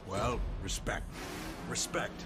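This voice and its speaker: A man's voice: fairly low pitch, fairly even intonation, slow, over loud music. An actor playing a cocky male trucker who teases an old-timer in a drawling, swaggering way, in a game trailer. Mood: teasing.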